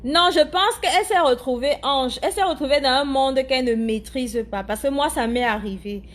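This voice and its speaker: A woman's voice: sits high, normal speed. A woman with an African French accent, chatting casually to her viewers, often hunting for words and repeating herself. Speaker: live streamer answering viewers' comments. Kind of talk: casual chat commentary.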